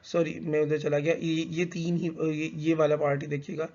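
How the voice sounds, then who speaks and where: A man's voice: fairly high pitch, little pitch movement, darkish tone. A male teacher explaining a lesson in a conversational, hesitant way, with fillers and self-corrections. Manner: reads English slowly, then explains in conversational Hindi mixed with English. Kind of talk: explanatory lecture. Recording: dull lo-fi recording.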